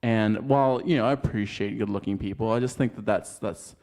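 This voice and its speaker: A man's voice: lowish voice, fairly quick, a little mellow. A man co-hosting a podcast, ranting casually with a sassy, profane edge. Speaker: podcast co-host. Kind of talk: casual chat.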